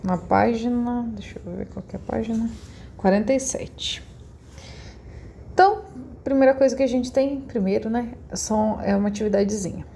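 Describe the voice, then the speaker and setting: A woman's voice: fairly high pitch, moderate pace, gravelly, dark tone, slight background noise. A woman teacher with a Brazilian accent, patiently walking young pupils through a lesson step by step. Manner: patient, step-by-step explaining to children. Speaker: schoolteacher. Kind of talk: recorded remote class.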